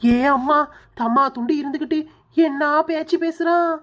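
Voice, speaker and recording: A woman's voice: high-pitched, normal speed, natural voice. Woman as a scolding young cartoon wife. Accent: Kanyakumari Tamil. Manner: scolding, threatening, then coaxing. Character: bossy young wife tutoring a boy. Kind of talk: cartoon voice acting.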